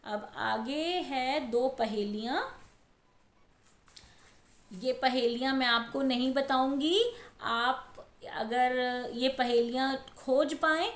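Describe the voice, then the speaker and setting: A woman's voice: high voice, steady tone, slow, reverberant. A woman teaching a primary school language lesson to children, patient and careful, going through words one at a time. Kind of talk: slow explained lesson for children.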